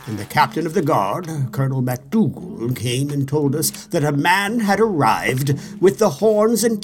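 A man voicing a sulky, pompous old king who rambles and grumbles. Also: a little high. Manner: rambling, grumbling, pleased with himself. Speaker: storybook king voiced by narrator.

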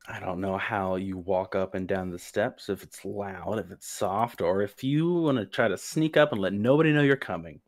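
A man acting as game master, guiding the players through the scene. He speaks slowly and in a relaxed way, with a somewhat low voice. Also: no echo, clean studio sound. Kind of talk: running a tabletop game.

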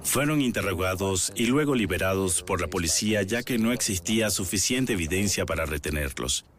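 A man's voice: low voice, expressive, fairly quick, fairly bright tone. A male actor dubbing a sober police detective giving documentary testimony. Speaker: dubbed police detective interviewee.

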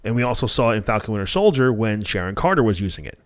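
A low-voiced man hosts a casual podcast, recapping a movie scene by scene. He rambles and restarts his sentences often, dropping curse words freely. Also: sing-song, very fast. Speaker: podcast host.

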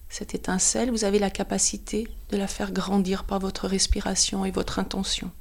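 A woman leads a guided meditation in a soothing, hushed, breathy voice that is often close to a whisper, in short phrases with pauses. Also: mid-range voice, little pitch movement.

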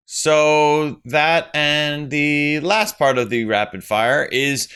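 A man's voice: fairly high pitch, slow pace, pushed and bright, smooth. A man co-hosting a podcast in casual chat, rambling and often correcting himself. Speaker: podcast co-host.

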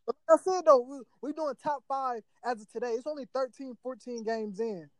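Insistent young man with a very high voice. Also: a little fast, no echo. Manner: insistent, talks over others with repeated words. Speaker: podcast co-host. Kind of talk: casual argumentative chat. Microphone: phone call.

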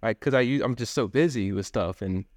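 A man's voice: mid-range voice, normal speed, darkish tone, no room sound, studio quality. A man being interviewed as a guest, talking in a casual, chatty way with lots of "you know" and "man". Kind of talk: casual conversation.

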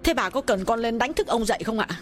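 A man's voice: very high-pitched, expressive, fast talker, soft background music, pitched above the performer's own voice. A man voicing an eager, anxious young female servant who asks curious, pleading questions.

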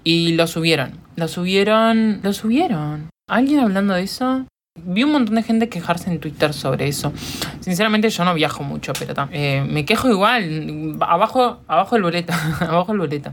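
A woman with a Uruguayan accent hosting a solo podcast, rambling and joking, answering her own questions and laughing often. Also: on the low side. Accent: Uruguayan Spanish. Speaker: podcast host. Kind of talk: casual solo podcast chat.

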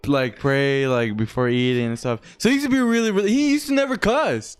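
A man's voice: medium pitch, a little fast, clear, resonant tone. A young man bantering casually with friends as a podcast co-host, using loose slang and plenty of swearing. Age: young adult. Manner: slangy, profane, joking.

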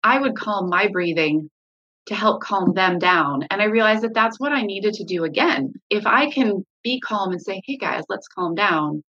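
A woman's voice: medium pitch, normal speed, pushed and bright, husky, dull audio. A woman, a mother, talking candidly in an interview about her parenting, with many fillers and restarts. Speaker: parent guest sharing her story.

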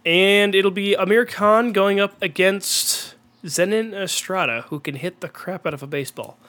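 A young man with a cold, sounding congested and clearing his throat, hosting an excitable amateur commentary on a baseball video game. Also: high-pitched, moderate pace. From Minnesota. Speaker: host and play-by-play announcer.

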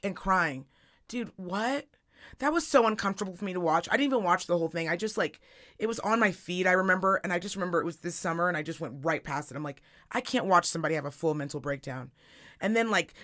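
Hoarse, raspy woman with a bright, forceful edge. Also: lowish voice. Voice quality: raspy, strained. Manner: blunt, slangy, swearing. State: hoarse, voice nearly gone. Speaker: podcast co-host. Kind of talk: casual chat. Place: studio.

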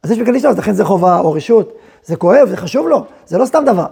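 A rabbi who heads a yeshiva gives a Torah lesson, talking animatedly, acting out quoted speech and throwing rhetorical questions. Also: male voice, high-pitched, animated, vocal fry, mellow, husky. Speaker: yeshiva head rabbi teaching.

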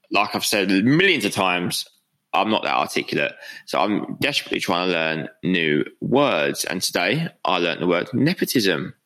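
A man's voice: deep voice, bright, forceful tone, low-quality recording. A young British man hosting a podcast, rambling and self-deprecating in a casual motivational monologue, a little hungover and swearing freely. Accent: British English. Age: young adult. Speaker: podcast host.

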